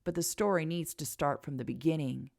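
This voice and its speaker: Calm protective young man, read by a woman, gentle steady delivery, low gravelly voice, audiobook. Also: brisk. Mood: serious.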